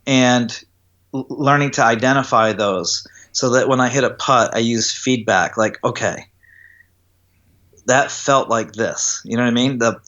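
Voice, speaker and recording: A man's voice: mid-range voice, fairly even intonation, moderate pace, fairly bright tone, dull audio. Man explaining golf putting instruction. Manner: explanatory, checks in with "does that make sense". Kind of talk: interview conversation.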